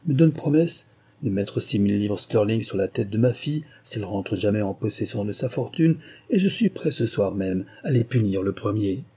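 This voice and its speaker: A man reading an audiobook and voicing an old male gentleman who speaks deliberately and formally. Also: lowish voice, animated, husky. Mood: grave.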